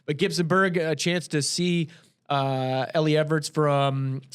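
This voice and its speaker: A man's voice: fairly high pitch, steady tone, measured pace, clear, resonant tone. A man co-hosting a casual local sports show, rambling and self-correcting as he previews games.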